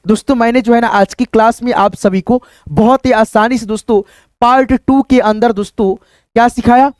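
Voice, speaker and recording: A man with a very high voice and a steady tone speaks at a moderate pace, recorded clean in a studio with no echo. This English teacher gives an online phonics lesson, spelling words letter by letter, questioning and repeating the answers. He keeps turning to viewers as friends, using tag questions.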